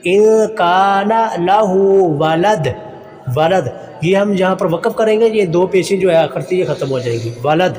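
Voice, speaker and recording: A man with a Pakistani Urdu accent teaching Quranic pronunciation, slowly drawing out each word and then explaining the rules in plain, polite terms. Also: high voice, darkish tone, big-room sound. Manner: uses polite filler "ji" often. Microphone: phone voice recording for a messaging class.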